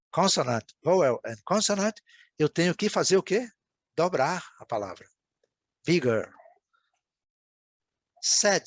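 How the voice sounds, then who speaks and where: A man's voice: fairly high pitch, no room sound. A man teaching an English lesson in a video class, explaining words patiently and often checking in with his students.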